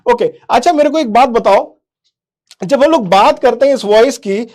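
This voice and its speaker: A man teaches children in a live online class, his very high-pitched voice darkish in tone and normal in speed. He quizzes the chat, calls the kids "beta," repeats "theek hai," and weaves English into his explanations.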